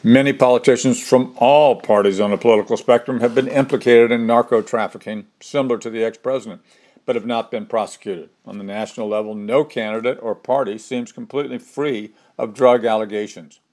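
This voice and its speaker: An older man hosting a scripted commentary segment, reading with a measured, opinionated delivery. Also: medium pitch, fairly even intonation, darkish tone. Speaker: commentary host.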